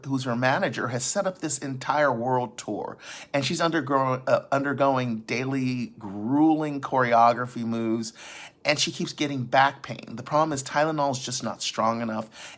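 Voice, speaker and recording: A man's voice: mid-range voice, fairly bright tone. A man casually recapping a film's plot for his vlog audience, rambling, often restarting sentences and adding asides. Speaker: vlogger recapping a film.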